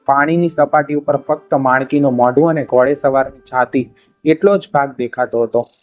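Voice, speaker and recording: A man narrates a folk tale in a steady, dramatic storyteller's manner, at a mid pitch. The recording sounds dull and lo-fi, with faint music behind his voice. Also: normal speed. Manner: steady dramatic storytelling, voicing cries of the characters. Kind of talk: reading a Gujarati folk tale aloud.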